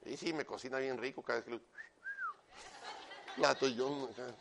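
Loud, gravelly preacher man. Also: mid-range voice, moderate pace, noisy background. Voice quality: loud, emphatic delivery. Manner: animated, with joking asides and repeated direct address to the listener. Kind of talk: sermon.

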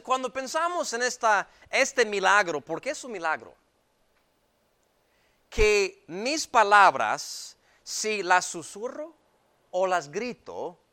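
Male pastor, clear bright voice, emphatic sermon delivery. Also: on the high side. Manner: emphatic preaching, swinging between loud and quiet. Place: church.

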